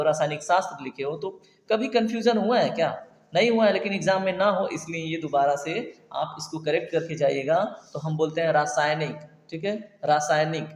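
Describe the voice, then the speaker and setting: A man leads an exam-prep lesson in a chatty, quizzing way. His voice sits fairly high. The recording is echoey, with a long reverb tail. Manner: chatty teacher, keeps asking "ठीक है?" and quizzing viewers. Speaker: Hindi exam tutor.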